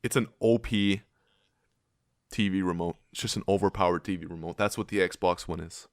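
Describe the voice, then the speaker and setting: A man's voice: low-pitched, normal speed, dry recording, studio quality. A young man co-hosting a podcast, rambling, swearing freely and acting out his friends' voices. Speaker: podcast co-host. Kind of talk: casual chat.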